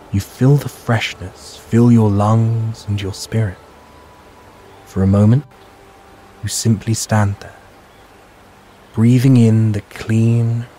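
A man narrating a bedtime sleep story in a calm, measured, soothing and hushed guiding way. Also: fairly low pitch, a little hiss or hum.

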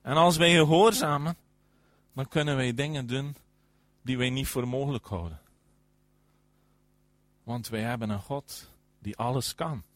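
A man preaching a sermon, emphatic, often affirming with "ja" and swinging between loud and soft. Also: medium pitch, measured pace, long pauses, dry recording.

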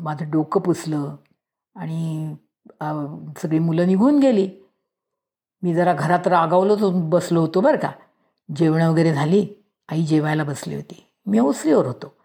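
A woman reading a storybook aloud in a lively way, acting out each character's voice. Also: low voice.

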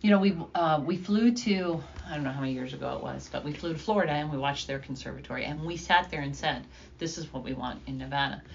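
Low-voiced woman administrator, muffled. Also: fast, vocal fry, few pauses. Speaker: school administrator and co-host. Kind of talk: casual interview talk. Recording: muffled lo-fi recording with faint noise.

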